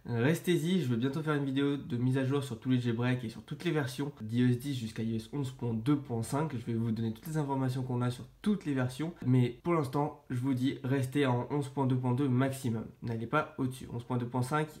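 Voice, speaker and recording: A man's voice: mid-range voice, steady tone, brisk, few pauses, a little mellow. A man with a French accent presenting an informal tech explainer to viewers, sounding stuffy-nosed, tired and sick with a sore throat. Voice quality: congested, stuffy nose. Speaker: tech video host.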